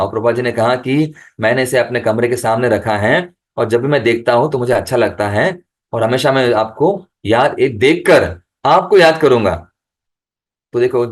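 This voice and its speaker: A man giving a devotional discourse over a video call, reading letters aloud slowly and then explaining them. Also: lowish voice. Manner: chants the holy name in a rising, lifted voice. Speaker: devotional speaker.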